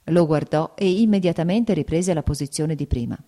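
A woman narrating an audiobook of a classic novel in a measured, even storytelling manner. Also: deep voice.

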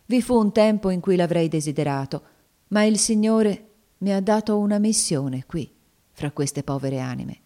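Woman reading a gentle faithful old man, earnest, pleading softly. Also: mid-range voice, animated, normal speed, voice pushed up, close to an everyday voice. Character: devout gentle older man, steadfast.

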